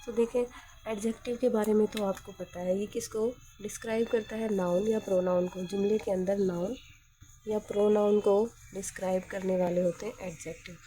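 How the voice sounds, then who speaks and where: A woman's voice: mid-range voice, steady tone, normal speed, dark tone, a little hiss or hum. A woman teacher explaining grammar step by step in a patient manner, often asking questions and then answering them herself.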